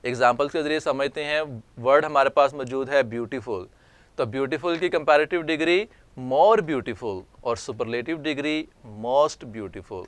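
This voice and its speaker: Slow, smooth-voiced male grammar teacher. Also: medium pitch, no echo. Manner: slow, spells out word forms one by one. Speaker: English teacher. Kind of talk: recorded grammar lesson.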